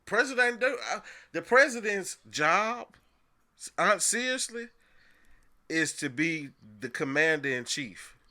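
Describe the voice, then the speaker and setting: A man co-hosting a casual podcast, his voice fairly high with lots of rise and fall and a bright, forceful edge. He talks emphatically and laughs often as he makes his points. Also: expressive, takes it slowly. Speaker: podcast co-host. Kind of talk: casual chat.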